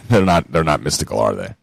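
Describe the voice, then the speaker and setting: A man's voice: a bass voice, very animated, moderate pace, creaky, dry recording, studio quality. A man in casual chat, musing aloud and trailing off mid-thought.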